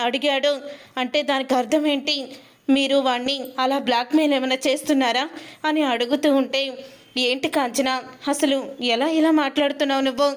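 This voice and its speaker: High-voiced woman recapping a serial. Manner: steady retelling with quoted dialogue. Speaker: storyteller.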